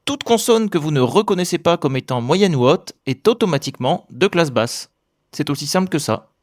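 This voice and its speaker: A man teaching a language in a scripted explainer lesson, with a clear, steady and upbeat delivery. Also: on the high side, normal speed, dry recording.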